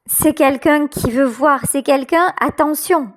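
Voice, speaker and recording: Speaking directly to the listener, a woman gives an unscripted tarot reading in a voice that sits high. She halts and repeats her phrases as she goes.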